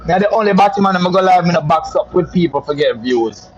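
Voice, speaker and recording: A Jamaican social media personality with a high, animated voice talks fast, spinning a story in casual patois and calling his listeners "my love" with boastful flamboyance. The lo-fi recording carries slight background noise.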